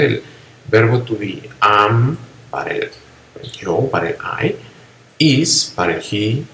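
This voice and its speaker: A man giving a recorded English grammar lesson, spelling words letter by letter and often checking in with a quick "ok?". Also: creaky, fairly bright tone. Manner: explains slowly, spells out letters and checks with a frequent "ok?"; says English examples slowly and higher, then translates. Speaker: English teacher. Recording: roomy echo with faint background hiss.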